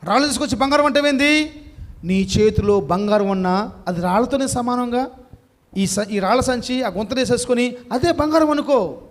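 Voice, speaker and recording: Man voicing neighbor, shrewd, questioning, scolding, high voice. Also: moderate pace.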